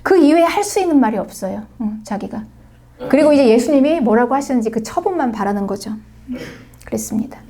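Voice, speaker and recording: A middle-aged woman pastor preaching a sermon with a Seoul accent, dramatic, swinging between soft murmurs and raised cries. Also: fairly high pitch, animated, fairly quick. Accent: Seoul Korean. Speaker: senior pastor.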